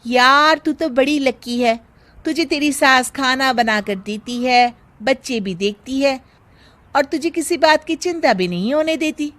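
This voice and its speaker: Woman as high-voiced, chatty envious office friend. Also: unhurried, a bit bright. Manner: informal, emphatic.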